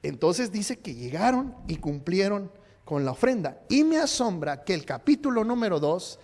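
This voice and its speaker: Preaching in a church sanctuary, this man has a high, sing-song voice with a darkish tone and speaks at normal speed. He is a pastor in a playful mood, trading jokes and questions with the congregation. Long hall reverb fills the recording.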